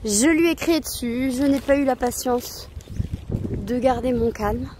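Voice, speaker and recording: A woman's voice: fairly high pitch, a little slow, background noise. A woman in her thirties, a parenting coach, talking in a casual vlog with many hesitations and restarts, outdoors at night.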